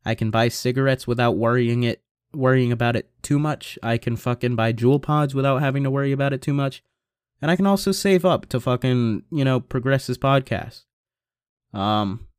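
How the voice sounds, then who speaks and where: A man's voice: medium pitch, clean tone, dry recording, clean studio sound. A young American man with a congested, nasal voice, chatting in a rambling, slangy, laid-back way as a solo podcast host. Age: young adult. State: stuffed-up nose. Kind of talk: casual solo podcast chat.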